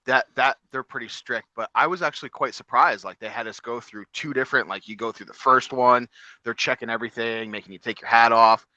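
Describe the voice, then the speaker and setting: Bright-voiced rambling man. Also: mid-range voice, brisk, no room sound, muffled recording. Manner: rambling storyteller, many fillers and restarts. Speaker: podcast co-host. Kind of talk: casual chat.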